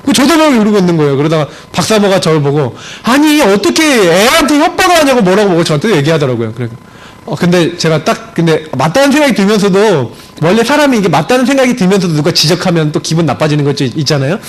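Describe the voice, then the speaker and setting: In a church sanctuary, a male pastor preaches a sermon built around a family story, moving from emphatic high points down to quiet, low storytelling. He is expressive and talks very fast, and the recording quality is low.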